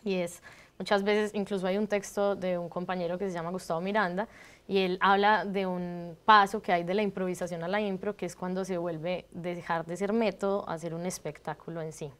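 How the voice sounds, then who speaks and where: A woman's voice: fairly low pitch, level tone, brisk, a bit bright. Colombian woman explaining improv in studio. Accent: Colombian, Bogotá. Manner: explanatory, fluent, laughs easily. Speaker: guest, improv artist. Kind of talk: studio interview. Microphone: lapel mic.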